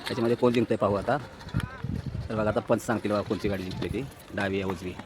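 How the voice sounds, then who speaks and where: A fast-talking man with a lowish voice commentates live for viewers he treats as friends. The event is a bullock cart race in a rural outdoor setting, with a noisy crowd and race sounds loud in the background. Each time carts pass he gets excited, saying "look" repeatedly.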